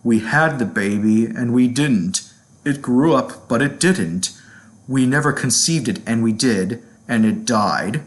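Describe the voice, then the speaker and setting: Man acting a low, despairing cartoon dad. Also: a little slow, natural voice. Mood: dazed, mournful. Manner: low, mumbling, resigned. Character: weary, despairing cartoon father, disheveled and dreamy. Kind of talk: dramatic reading of cartoon parody.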